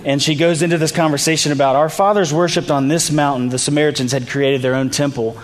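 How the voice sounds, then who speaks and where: A man preaching a sermon, retelling a story in a relaxed, conversational way and briefly acting out the people in it. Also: a little high, quick pace. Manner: conversational storytelling, acts out quoted voices. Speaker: pastor. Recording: reverberant hall, faint ambience.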